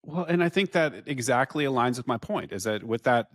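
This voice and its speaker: A man's voice: medium pitch, lively intonation, a little fast, a bit bright, no echo, studio quality. A man hosting a podcast, giving his opinions in casual, outspoken talk. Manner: opinionated, conversational, uses casual swearing. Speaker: podcast host. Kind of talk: casual conversation.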